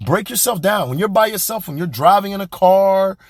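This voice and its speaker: In clean studio sound with no room noise, a young man hosting a podcast gives a fairly quick motivational talk. His voice sits high, and his delivery is animated, preachy, blunt and colloquial.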